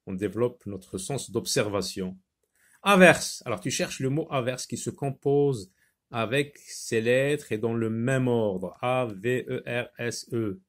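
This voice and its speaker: A man's voice: mid-range voice, darkish tone. A man teaching a phonics lesson, patiently repeating words and spelling them out letter by letter. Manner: slow, deliberate word repetition.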